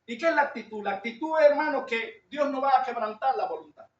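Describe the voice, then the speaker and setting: A man with a Venezuelan accent preaching a sermon in a loud, shouting timbre, earnest and confessional, calling his listeners brother. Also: very high-pitched, fairly quick. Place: church hall. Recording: echoey hall, distant lo-fi mic.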